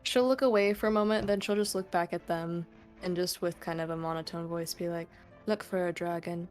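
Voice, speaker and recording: A woman's voice: lowish voice, fairly even intonation, fairly quick, a little mellow. A cheerful woman playing a tabletop game, describing what her character does. Faint music plays behind her. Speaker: player. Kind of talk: casual tabletop play.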